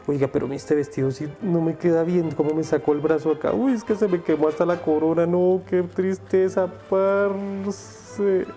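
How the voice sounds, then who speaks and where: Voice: fairly even intonation, normal speed, few pauses, dark tone, soft background music, natural voice. A narrator doing a whiny, spirited young princess. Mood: fretting. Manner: whiny, indignant, high-pitched.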